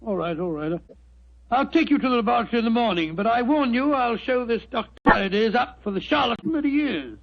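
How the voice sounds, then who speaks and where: An actor playing a blustering, sceptical middle-aged British doctor who mutters and stammers, in 1940s radio drama style. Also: male voice, very high-pitched, animated, fast talker. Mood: exasperated, indulgent. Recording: dull lo-fi 1940s radio recording.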